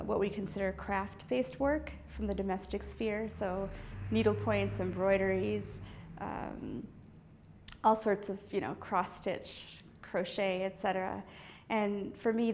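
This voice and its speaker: A woman's voice: medium pitch, a little mellow, a little hiss or hum. A woman artist from the US East Coast in a casual interview, talking thoughtfully with many fillers, restarts and light laughs. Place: indoor art studio.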